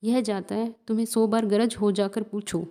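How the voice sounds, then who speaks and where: A woman's voice: mid-range voice, level tone, moderate pace, warm tone, lightly acted. A woman voicing a defiant young village wife who taunts in cutting words. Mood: taunting.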